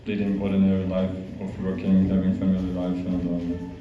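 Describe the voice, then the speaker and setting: In a large, echoey hall, a young monk from Austria speaks as a guest to a youth group, his Austrian-accented talk casual and halting, full of fillers and false starts. He has a low voice with a completely flat delivery at normal speed. Slight background noise sits under a distant, dull, reverberant recording.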